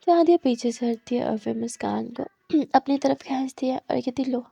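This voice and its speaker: A woman's voice: high-pitched, brisk, vocal fry, mellow, husky, no room sound. A woman narrating a love story in a chatty, casual storytelling manner, in a dull lo-fi recording. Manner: chatty, narrates in simple running sentences.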